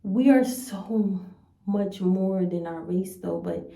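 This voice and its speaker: A young woman from the United States speaks slowly and earnestly, thinking aloud in a casual vlog. Her voice is mellow and warm, and the room around her gives it a noticeable echo. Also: medium pitch, creaky. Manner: earnest, rambling and hesitant. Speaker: vlogger. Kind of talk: casual reflective commentary to camera. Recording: roomy echo.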